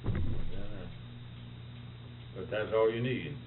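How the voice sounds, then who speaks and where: In a casual conversation, a man talks in plain, folksy country speech, slowly and with lively intonation in a lowish voice. The recording is a roomy, tinny tape carrying a faint hum.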